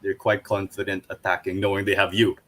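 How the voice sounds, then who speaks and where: A man's voice: sits low, completely flat delivery, a little fast, a bit bright. A man co-hosting a casual interview, asking long, chatty questions. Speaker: podcast co-host.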